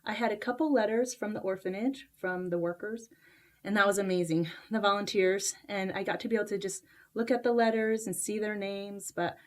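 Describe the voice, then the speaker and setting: A woman's voice: mid-range voice, fairly even intonation, a little fast. A woman from Costa Rica who grew up in Utah, a book author talking as a guest in a casual interview, with many fillers and restarts. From Costa Rica, raised in Utah.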